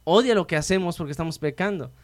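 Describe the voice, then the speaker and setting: Guy hosting a faith chat, slightly high voice, easygoing homely examples. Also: fast. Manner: explains with homely comparisons, relaxed. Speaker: host.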